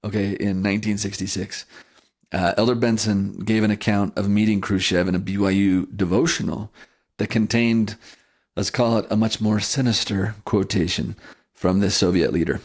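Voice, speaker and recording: A man co-hosting a history podcast, telling the story in a lively way with frequent laughs. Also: lowish voice, moderate pace. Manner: animated storytelling, laughs between points. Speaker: podcast co-host. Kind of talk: casual history podcast chat.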